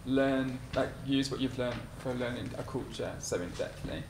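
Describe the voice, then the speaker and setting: A man's voice: mid-range voice, moderate pace. A man in his twenties speaking on a panel, enthusiastic and rambling. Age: 20s. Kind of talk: panel discussion. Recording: echoey hall with noise.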